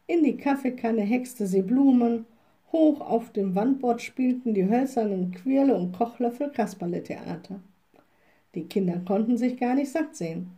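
A woman reading a children's story aloud in a slow, expressive storybook manner. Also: on the high side.

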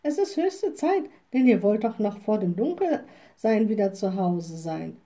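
A woman voicing a mischievous, idle little witch in a storybook reading, with a sly, lively manner. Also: medium pitch, unhurried. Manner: grumbling, then sly and lively.

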